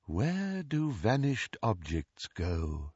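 A man voicing a soft, musical magic door knocker. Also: lowish voice, huge pitch swings, husky, no echo, full character voice. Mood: serene. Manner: soft, slow, lilting. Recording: dull dry lo-fi recording.

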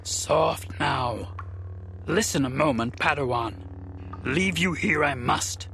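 A man's voice: fairly high pitch, slow pace, pushed and bright, a little hiss or hum, pitched above the performer's own voice, full character voice. Yoda, a man doing the ancient wise master. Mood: grave. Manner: inverted word order, croaky.

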